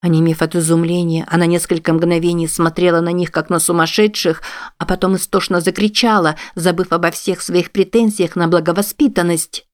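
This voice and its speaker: A woman narrating an audiobook in a steady, even storytelling manner. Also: fairly low pitch, brisk, no room sound, clean studio sound. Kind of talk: scripted narration.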